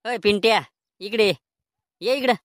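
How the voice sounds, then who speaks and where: A woman's voice: fairly high pitch, moderate pace, dry recording, studio quality, natural voice. A woman voicing a stern male village schoolteacher in a cartoon, with a Khandeshi Marathi accent and a scolding, threatening manner. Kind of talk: cartoon voice acting. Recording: recording with audible background noise.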